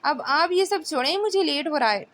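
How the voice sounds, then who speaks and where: A woman's voice: high-pitched, expressive, moderate pace, a bit bright, a little hiss or hum. A woman reading the lines of a headstrong young woman who impatiently brushes off her mother, in an audiobook novel. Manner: impatient, dismissive.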